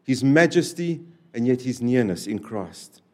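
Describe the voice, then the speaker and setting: A man preaching a sermon to a church, repeating key phrases and swinging between loud, stressed lines and quiet, dropped endings. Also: medium pitch, animated, a little slow. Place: church service.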